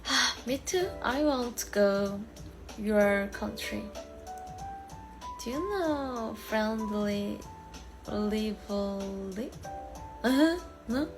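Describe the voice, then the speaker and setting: A young woman hosting a live stream, chatting playfully with viewers in a mix of her own language and halting English. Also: mid-range voice, animated, over music. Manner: mixes Korean and halting English, playful and bubbly. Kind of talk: casual live chat with viewers.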